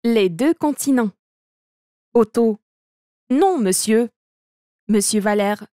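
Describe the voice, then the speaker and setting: A woman reads a textbook lesson aloud at an unhurried, measured pace. She handles every part of the dialogue and the notation in the same steady, deliberate voice. The recording is close and dry, with no room sound. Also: fairly high pitch, no room sound. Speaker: reader of a language textbook. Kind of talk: slow textbook read-aloud.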